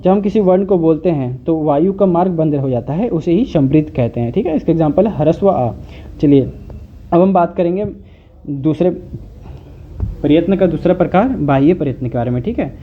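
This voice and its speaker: A man tutoring online, explaining each term slowly and repeating it, often checking with "okay". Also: on the high side, expressive. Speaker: Sanskrit tutor. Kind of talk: online lecture. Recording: muffled phone-like audio with faint hiss.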